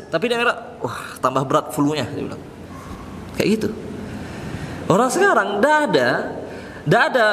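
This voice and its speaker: A man, an ustaz, gives a casual sermon in a mosque, speaking conversationally and reciting Arabic quotes slowly. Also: a little high. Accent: Indonesian. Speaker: ustaz giving a mosque study session. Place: mosque hall. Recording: reverberant mosque hall with faint background noise.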